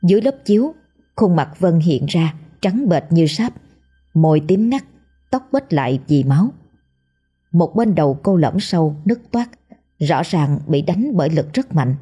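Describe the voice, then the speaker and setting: A woman narrates a scripted horror story in a grave, steady manner. Her voice is low and dark, with a husky, breathy grain throughout. Faint music plays underneath. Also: unhurried.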